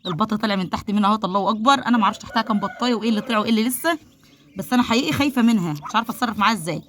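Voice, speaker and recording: A woman's voice: mid-range voice, very fast, fairly bright tone, slight background noise. A woman with an Egyptian accent, vlogging casually from her poultry coop, chatty and devout, full of blessings. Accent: Egyptian Arabic. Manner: nervous, laughing while handling a biting duck. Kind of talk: casual vlog, talking to viewers. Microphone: phone held while filming.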